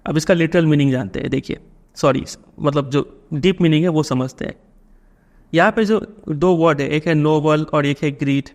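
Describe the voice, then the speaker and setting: An Indian man teaching a poem line by line to his students. His voice sits a little high, and he talks patiently, stopping often to check that they follow. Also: moderate pace.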